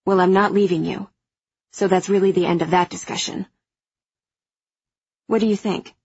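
A fierce young female hacker on a spaceship, protective and firm. Her voice is husky, urgent and reassuring. The audiobook drama is recorded very dry, with a slightly dull tone. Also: mid-range voice, steady tone, moderate pace, a little mellow, no room sound. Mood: defiant, determined.

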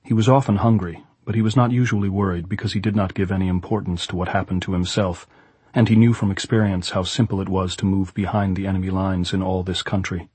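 A man's voice: deep voice, steady tone, fast, darkish tone, husky, no room sound. A man narrating a literary novel as a scripted audiobook reading.

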